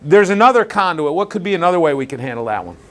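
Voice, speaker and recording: A man runs an umpire training session in a meeting room, his voice sitting a little high. He teaches in a Socratic way, keeps asking the group questions and acts out quick exchanges with players. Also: big pitch swings, a bit bright, slight background noise. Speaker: umpire clinic instructor.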